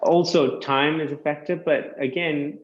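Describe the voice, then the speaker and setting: A man who works as a land surveyor, chatting casually and explaining things step by step with quick self-corrections. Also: fairly high pitch, fairly even intonation, roomy sound, muffled recording. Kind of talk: casual podcast chat.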